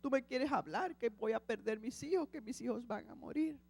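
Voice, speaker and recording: A woman preacher voicing an anguished father who cries and shouts in disbelief over his drowned sons. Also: extremely high pitch, moderate pace, creaky, heavily acted. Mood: tearful prayer. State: crying. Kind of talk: sermon storytelling.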